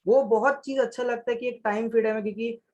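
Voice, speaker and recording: A man's voice: very high voice, fairly even intonation, fast talker, darkish tone, highs cut off. A man speaking on a webinar panel in mixed Hindi and English, with some hesitant fillers. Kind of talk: panel talk.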